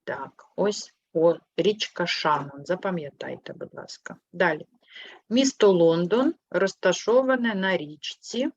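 A woman teaching a primary school class, patient and clear, asking questions and gently correcting her pupils. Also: animated, measured pace, no echo. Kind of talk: online class lesson. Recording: muffled low-fidelity sound.

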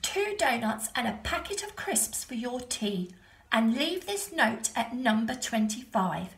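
A woman's voice: on the high side, big pitch swings, a little slow, fairly bright tone, reverberant, pitched above the performer's own voice, full character voice. A woman voicing a mother giving her son an errand. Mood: brisk.

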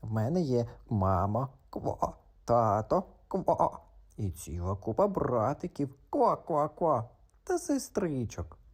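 A man voicing a cheeky, talkative little male frog who croaks between his words in a children's audiobook. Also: a little high, very animated, takes it slowly, mellow, pitched above the performer's own voice, exaggerated voice. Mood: chatty, eager.

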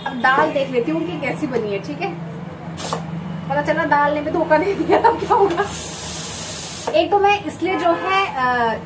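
A young woman from Uttarakhand talks to a camera set up in her kitchen as she cooks. She rambles chattily, with plenty of filler words, in a fairly high voice. Faint noise hangs behind her. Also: measured pace, long pauses. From Uttarakhand, India. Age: young adult. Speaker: vlogger. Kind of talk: casual chat while cooking. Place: home kitchen beside a window onto a busy highway. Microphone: fixed camera placed in the kitchen.

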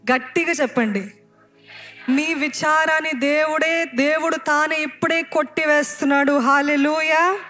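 A woman's voice: high voice, a bit bright. A woman preaching a sermon, calling on the congregation to answer aloud and mixing English phrases into her preaching. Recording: faint music behind.

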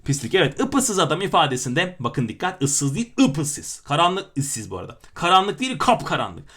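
A man with a somewhat high, sing-song voice, fairly bright with a breathy edge, talks at normal speed. He teaches grammar by going through exam questions, mixing emphatic explanations with playful jokes at his own expense.

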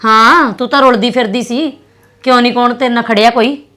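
A young woman with a Punjabi accent acting a sharp, scolding sister in a drama. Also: fairly high pitch, steady tone. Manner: scolding and fast-talking. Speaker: actress playing a sister.

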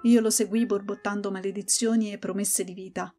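A woman reads an audiobook aloud, telling a first-person story with plenty of expression. Her voice sits at an ordinary middle pitch for a woman. Faint music plays softly behind her. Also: fairly even intonation, a little fast. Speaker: audiobook narrator. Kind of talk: scripted audiobook narration.

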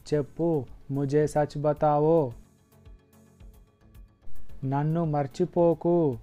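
A man with as his teaches Hindi sentences at a crawl, breaking each phrase apart and repeating it. His voice is mellow and smooth, a little higher than most men's. Faint music sits under a slightly dull recording. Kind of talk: slow language lesson, repeating phrases.

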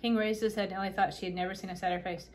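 Woman, storybook reader, unhurried and gently expressive, mid-pitched. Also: a little hiss or hum. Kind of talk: reading a children's novel aloud.

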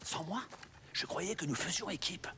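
A man playing a wry, smooth-talking schemer in a video game, eloquent and playfully sardonic. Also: high-pitched, normal speed, background noise, natural voice. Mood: coaxing, wry. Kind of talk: video game drama acting.

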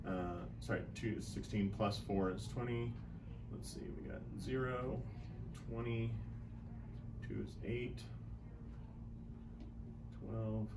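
Working each sum out aloud, a chiropractic business coach in his thirties leads clinic owners through a casual whiteboard lesson. He speaks at an ordinary middle pitch, and the lapel mic in his small room carries a faint background hiss.

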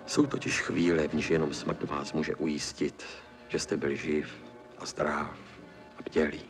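A man with a very deep voice narrates a film in a brooding, literary manner. Loud film music plays under his voice-over. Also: little pitch movement. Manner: brooding, addresses the listeners as gentlemen.

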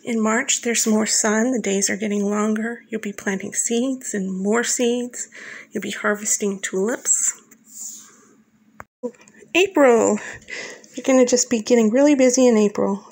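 Calm woman narrating a month-by-month guide. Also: fairly high pitch, unhurried, creaky, poor audio. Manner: calm, instructive, talks directly to the listener. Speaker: flower farmer and channel host. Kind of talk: scripted voice-over narration.

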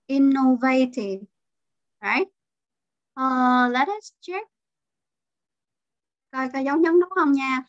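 A woman's voice: sits high, takes it slowly, pauses often, a bit bright, dry recording, dull audio. A woman teacher leading an online class, explaining vocabulary and patiently drilling pronunciation. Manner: drills pronunciation, mixes English terms into explanations.

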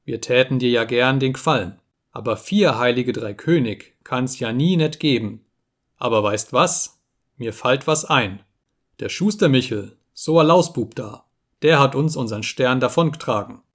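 A man's voice: medium pitch, moderate pace, fairly bright tone, close to an everyday voice. A man voicing a kindly, fatherly old bearded king who speaks in coaxing in a storybook reading.

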